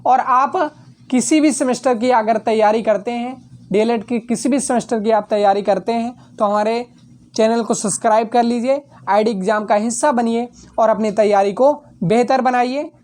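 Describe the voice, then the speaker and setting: A young adult woman teacher reading out exam answers at a steady dictating pace, now and then correcting herself mid-word. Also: on the high side, normal speed.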